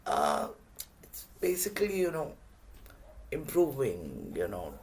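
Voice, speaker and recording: A man's voice: medium pitch, huge pitch swings, slow pace, slight background noise, heavily acted. A man voicing an unsure young man who talks hesitantly and fills his speech with fillers.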